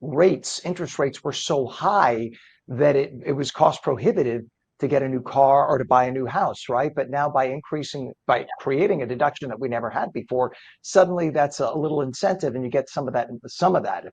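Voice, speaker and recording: A hoarse man with a croaky frog voice, hosting live news in a chatty, halting way and interviewing a guest. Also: medium pitch, darkish tone, no echo. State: hoarse, struggling with voice. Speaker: news host.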